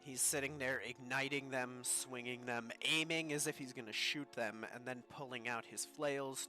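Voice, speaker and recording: A man improvising a running description of his character's actions as a player in a tabletop game. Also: medium pitch. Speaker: tabletop role-play player.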